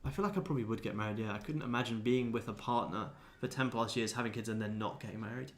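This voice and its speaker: A fairly low-pitched, fast-talking man in his twenties chats with viewers on his livestream. He's a day trader, and his tone is relaxed, blokey and sweary.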